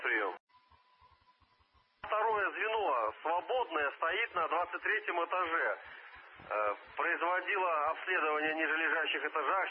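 A firefighter man reporting over a two-way radio, terse and formal, his fairly high voice coming through a muffled band. Faint hiss hangs under every transmission. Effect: heard over a two-way radio. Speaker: firefighter crew leader. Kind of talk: procedural radio reports with call signs.

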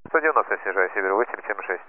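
Пилот по рации, низкий мужской голос. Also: male voice, lowish voice, expressive, very fast. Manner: clipped, quiet readbacks with hesitations. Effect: pilot over a cockpit radio. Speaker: airline pilot. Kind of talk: radio readbacks to air traffic control. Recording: tinny, noisy aviation radio.

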